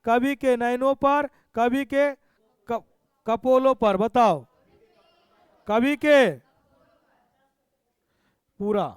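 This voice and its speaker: A man's voice: very high voice, very slow, pauses often, clear, resonant tone, no echo, studio quality. A male teacher, quizzing students through exam questions and repeating the answers to drive them home. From Bihar, India. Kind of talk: exam-prep lesson.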